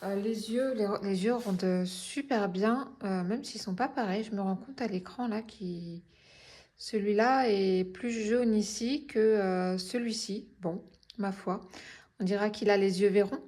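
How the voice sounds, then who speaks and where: A woman speaking at an ordinary middle pitch in a relaxed, chatty vlog. She talks through her finished craft piece, pausing often and correcting herself as she goes. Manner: relaxed, chatty, many hesitations and self-corrections. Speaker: vlogger reviewing her finished diamond painting. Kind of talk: casual chatty review vlog.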